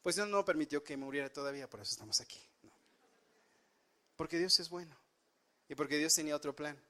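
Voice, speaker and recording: A man's voice: a little high, brisk, a bit bright. A man preaching a sermon, telling a personal story earnestly and rising and dropping his voice for emphasis. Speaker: pastor.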